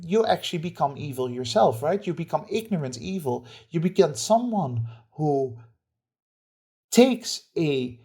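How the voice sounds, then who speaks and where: Male podcast co-host, mellow timbre, indignant opinion rant. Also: fairly high pitch, breathy edge. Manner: indignant, ranting.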